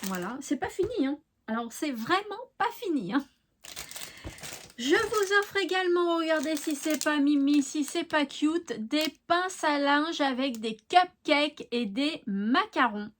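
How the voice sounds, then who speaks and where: Woman, craft vlog host, chatty, fond, high voice, lots of fillers. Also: expressive, measured pace, a bit bright, a little hiss or hum. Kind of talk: chatty giveaway presentation.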